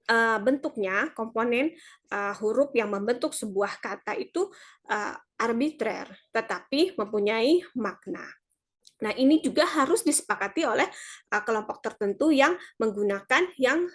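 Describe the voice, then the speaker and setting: A woman's voice: a little high, lively intonation, normal speed. A woman lecturer giving an online university lecture, explaining at length with frequent hesitations and fillers.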